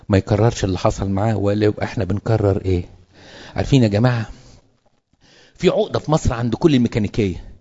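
A man speaking with an Egyptian Arabic accent, a priest addressing fellow clergy in an animated sermon-style talk full of rhetorical questions. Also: a little high, muffled recording.

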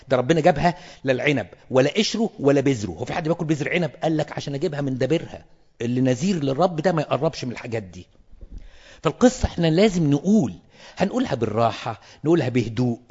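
A quick-talking Egyptian clergyman with a husky, slightly rough voice lectures fellow priests. He presses his points home by repeating them. The sound is dull and carries a long hall echo. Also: medium pitch, darkish tone. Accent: Egyptian Arabic. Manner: emphatic, repeats words for stress.

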